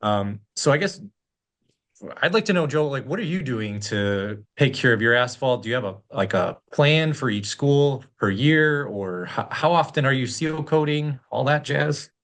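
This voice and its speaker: This school district facilities staffer, co-host of a casual webinar on school facilities, has an Upper Midwest American accent and an upbeat, relaxed manner. He speaks at a normal speed in a medium, slightly bright voice with lively intonation.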